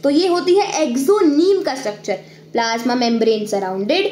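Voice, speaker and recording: High-voiced woman teaching biology. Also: normal speed, a little mellow, reverberant. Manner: explains step by step, checks in with "ठीक है"; drawing on screen while talking. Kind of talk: online exam-prep lecture.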